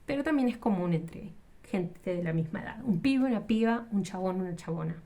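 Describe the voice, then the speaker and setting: A woman's voice: mid-range voice, lively intonation, brisk, dark tone. A woman teaching Spanish in a casual, patient way, explaining with examples and often correcting herself mid-sentence.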